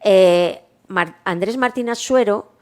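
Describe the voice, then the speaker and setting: A middle-aged woman from Spain, a nurse giving a mindfulness workshop lecture in a calm, unhurried way, often asking the class questions. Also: medium pitch.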